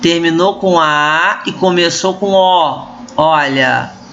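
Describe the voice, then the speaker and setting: A woman's voice: fairly low pitch, slow pace, a bit bright, a little hiss or hum. A woman with a Brazilian accent explains a literature lesson to her students in a recorded online class, often checking in with them as she goes. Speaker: literature teacher. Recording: muffled lo-fi recording.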